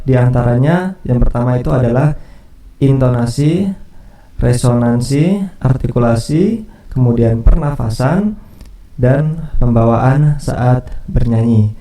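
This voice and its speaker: A man walks students through a singing lesson in a loose, chatty teaching voice, circling back and restarting his sentences. His voice sits dark and mellow, heard from a step back from the mic in an echoing room. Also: mid-range voice, distant mic. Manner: casual explaining with fillers and restarts. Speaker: music teacher. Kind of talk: explanatory lesson voice-over. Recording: roomy echo, voice off from the mic.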